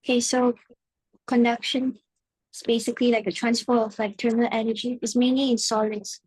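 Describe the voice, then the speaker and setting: A young female student answers her tutor in short, agreeable replies. Her voice is fairly high and a little husky. The recording is dry and close, with no room echo. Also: level tone, a little fast, darkish tone.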